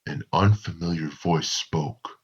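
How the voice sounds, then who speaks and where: A man narrating a horror story in a slow, deliberate storytelling manner. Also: extremely low pitch, breathy edge, muffled recording.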